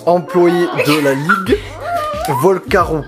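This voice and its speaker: An excitable young man with a French accent talks viewers through a card opening. He chats like he's with his buddies and keeps breaking into loud, giddy outbursts. Clear music plays under his voice the whole time. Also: high-pitched, takes it slowly. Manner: excitable, bursts into loud exclamations over cards; chatty, addresses viewers as buddies. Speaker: card-opening video host. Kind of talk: casual card-opening commentary.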